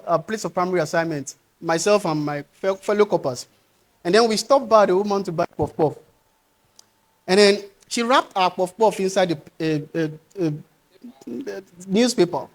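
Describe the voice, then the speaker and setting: A middle-aged man with a strikingly high-pitched voice preaches to young people. He swings between loud, driving urging and quiet, pleading appeals. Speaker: motivational speaker. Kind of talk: motivational speech to young people.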